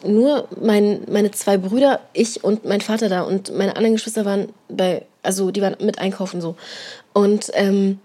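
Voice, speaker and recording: A woman's voice: medium pitch, mellow. A young woman telling a long personal story in a casual podcast chat, rambling with lots of fillers and slang tags. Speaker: podcast co-host.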